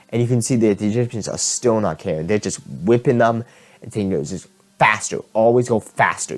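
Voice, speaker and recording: A man's voice: on the low side, mellow. A man casually talking through a film's opening, rambling with lots of fillers and restarting his sentences. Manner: rambling, many "like" and "right?" fillers, frequent restarts. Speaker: film video host. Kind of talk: casual film analysis to camera.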